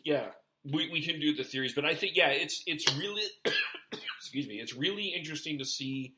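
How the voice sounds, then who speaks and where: A man's voice: a little high, brisk, noisy background. A man hosting a casual podcast chat, rambling and thinking aloud in restarts. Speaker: podcast host.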